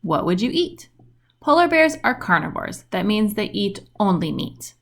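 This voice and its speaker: A woman reads a children's book aloud in an expressive storytelling style, her intonation often rising like a question. Her voice is medium-pitched with some vocal fry, and she moves at a moderate pace.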